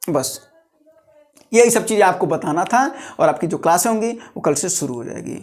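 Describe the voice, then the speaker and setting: A man's voice: sits high, animated, moderate pace. A male coaching teacher gives exam guidance to students. He talks in a colloquial, coaxing way and repeats his points to drive them home. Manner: repetitive, coaxing, colloquial exhortation.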